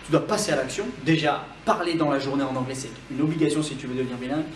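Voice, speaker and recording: A man teaching English vocabulary to French speakers in a video lesson, saying each word slowly and having the viewer repeat it. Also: mid-range voice, roomy sound, far from the mic, slight background noise. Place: building with a corridor.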